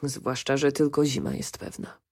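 A woman's voice: rumbling low, animated, moderate pace, gravelly, darkish tone, slightly rough, no room sound, pitched below the performer's own voice, exaggerated voice. A woman reading the lines of a weary young male engineer in an audiobook, dry and sardonic. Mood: wry.

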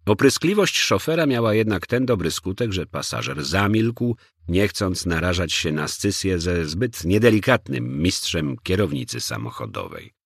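A man narrating a crime novel in an expressive, dramatic storytelling manner. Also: low-pitched, normal speed, creaky, few pauses, breathy edge, no echo, studio quality. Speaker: audiobook narrator.

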